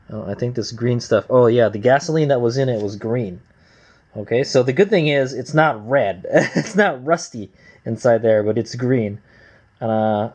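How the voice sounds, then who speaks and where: A man talking casually and plainly like a gruff home mechanic while working at his bench, with slangy, unpolished asides. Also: mid-range voice, a little mellow. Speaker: amateur motorcycle mechanic, vlog host. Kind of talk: casual hands-on workshop narration. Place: workbench, close to the camera. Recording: slightly dull, lo-fi camera audio.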